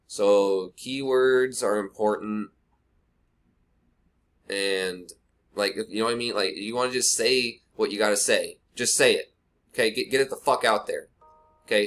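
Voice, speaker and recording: A man's voice: fairly low pitch, fairly bright tone. A man giving a blunt, rambling screen-recorded marketing tutorial, talking straight to the viewer through a cheap webcam mic at his computer desk. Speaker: online marketing instructor.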